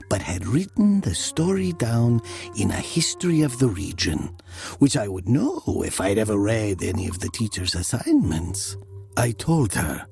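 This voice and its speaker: A man with a mid-range voice plays a brooding narrator looking back on his youth in a dramatic story. He speaks slowly and deliberately, sometimes sinking into hushed, breathy tones.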